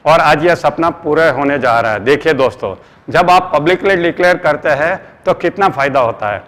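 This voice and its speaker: With a fairly high, somewhat bright voice and a moderate pace, a middle-aged Indian-accented trainer earnestly motivates his seminar audience, whom he calls friends. English phrases are woven into his talk, and the recording has a long hall reverb.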